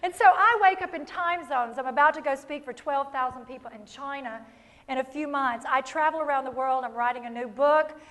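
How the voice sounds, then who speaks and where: A woman giving a lively, punchy motivational keynote to a live audience, calling for responses. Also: sits high, fairly quick. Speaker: motivational speaker. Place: large hall before an audience. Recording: long reverb of a large hall.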